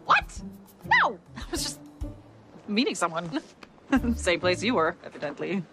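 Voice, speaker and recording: A woman's voice: fairly low pitch, expressive, normal speed. An actress in her thirties playing a flustered, infatuated woman who rambles in panic in a TV comedy-drama. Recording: loud music under dialogue.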